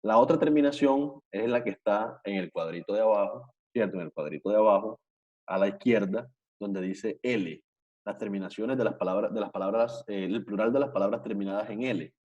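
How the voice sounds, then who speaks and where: A male Portuguese teacher with a lowish, darkish voice talks a little fast over dull audio. He gives an online language lesson, explaining patiently and repeating himself. Frequent tag questions let him check that students understand.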